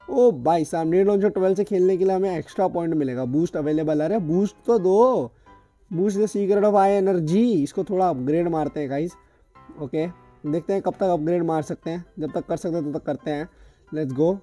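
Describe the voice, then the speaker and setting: A man hosting a gaming channel, giving excitable live gameplay commentary full of trash talk and banter. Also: sits high. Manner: excitable, trash-talking banter in Hindi-English mix.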